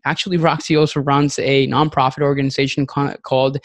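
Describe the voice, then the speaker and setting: A man's voice: mid-range voice, little pitch movement, brisk, no echo. A man from Venezuela, a nutrition coach hosting a podcast, talking casually with many ums and restarts. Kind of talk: casual podcast introduction and interview.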